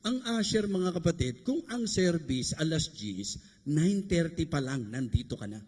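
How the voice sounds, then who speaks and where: High-voiced, husky male preacher. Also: big pitch swings, measured pace, darkish tone. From Philippines. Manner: joking, conversational preaching with rhetorical asides to the congregation. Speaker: bishop preaching. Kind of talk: sermon. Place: church service abroad. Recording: echoey church hall.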